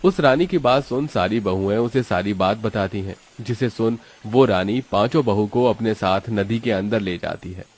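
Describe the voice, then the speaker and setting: Low-voiced male storybook narrator. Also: normal speed, few pauses. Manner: steady, explanatory storytelling.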